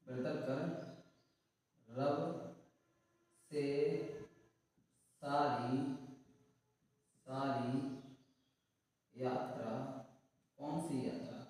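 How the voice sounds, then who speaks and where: A man's voice: medium pitch, darkish tone. A man teaching an exam-prep lesson with memory tricks, who keeps asking a question and repeating the answer in a call-and-response drill. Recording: echoey room from a distant mic.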